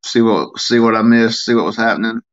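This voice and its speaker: Tired man, low voice, rambling live-stream host reading chat, slightly muffled lo-fi audio. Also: brisk. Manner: rambling, relaxed, reads and answers chat comments. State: tired, yawning.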